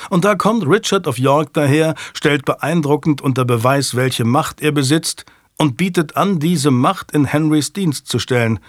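A man voicing a stern middle-aged nobleman who talks to his sons in a measured, grave way. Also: on the high side, no echo, studio quality, lightly acted.

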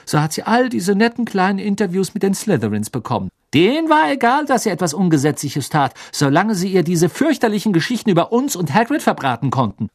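A man's voice: sits high, very animated, pitched above the performer's own voice, heavily acted. A man doing an eager know-it-all schoolgirl. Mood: excited, triumphant. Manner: eager, triumphant, quick-talking. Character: clever excited teenage girl witch.

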